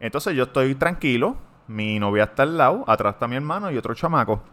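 A man with a Puerto Rican Spanish accent, hosting a podcast and telling a story to friends in a casual, animated way, swearing freely. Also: medium pitch, fast. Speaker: podcast host.

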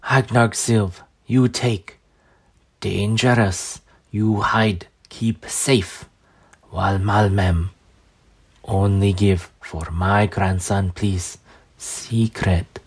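A man voicing a wounded, dying old woman who pleads desperately in broken, raspy, gurgling speech with a foreign accent. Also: fairly low pitch, steady tone, drawn-out words, voice pushed up, exaggerated voice. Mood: desperate pleading. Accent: foreign, broken common tongue.

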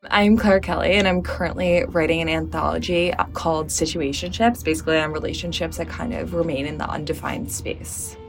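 A woman's voice: low-pitched, fairly even intonation, brisk, hardly any pauses, faint music behind. A woman, a writer guest, answering casually in a chatty way with many fillers.

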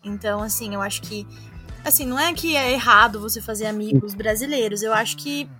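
A woman's voice: mid-range voice, a little fast, bright, forceful tone, soft background music. A Brazilian woman with a Brazilian accent in casual podcast chat, talking in a thoughtful, slightly hesitant way.

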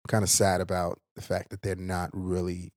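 A man talks in a low, easygoing voice, laughing readily and swearing casually. The recording is dry and close, with no room sound. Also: moderate pace, no echo. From Haiti, raised in New York. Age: 40s. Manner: relaxed, lively, laughs often, swears casually. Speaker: guest, brand founder. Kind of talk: casual interview chat.

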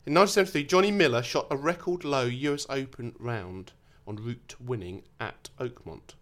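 A man's voice: mid-range voice, normal speed, a bit bright. A man with an Essex accent, chatting casually and jokily as he hosts a podcast quiz. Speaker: quiz host.

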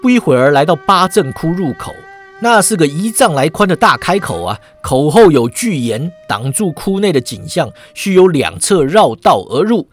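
A man's voice: on the high side, very animated, normal speed, faint music behind. A man narrating a serialized martial-arts story with a dramatic telling.

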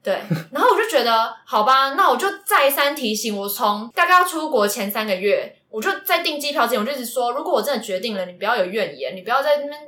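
A woman co-hosting a casual podcast, telling a travel story in a lively way and acting out the lines she quotes. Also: quick pace, few pauses. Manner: lively, acts out quoted lines with big pitch jumps. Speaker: podcast co-host. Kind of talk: casual chat, animated storytelling. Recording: echoey room.

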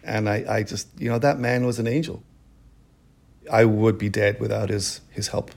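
Gravelly middle-aged man telling a story. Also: lowish voice, fairly even intonation, a little mellow. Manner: emotional, halting, with restarts. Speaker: storyteller guest. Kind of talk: personal story told in interview. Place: quiet room.

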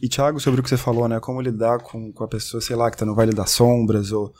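Brazilian guy talking fast, open and thoughtful, kinda medium voice. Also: mid-range voice, little pitch movement, darkish tone, slight background noise. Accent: Brazilian Portuguese. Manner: reflective and candid. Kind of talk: casual podcast conversation.

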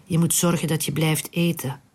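A narrator voicing a kind old man on a street corner in a whispered storytelling style, gently coaxing. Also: medium pitch, little pitch movement, moderate pace, slightly rough, lightly acted. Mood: caring.

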